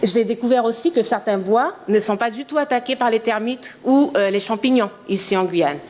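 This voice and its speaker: A woman's voice: on the high side, a little fast, darkish tone. A woman in her thirties from French Guiana, an entrepreneur giving a conference talk, speaking earnestly and with enthusiasm, with frequent hesitations. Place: conference hall.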